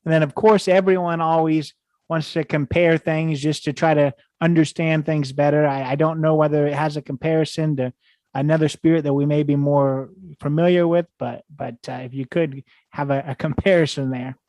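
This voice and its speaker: A man's voice: on the high side, fairly even intonation, moderate pace, a little mellow, dry recording. A man hosting a casual podcast interview, rambling and hesitant with many false starts. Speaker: podcast host.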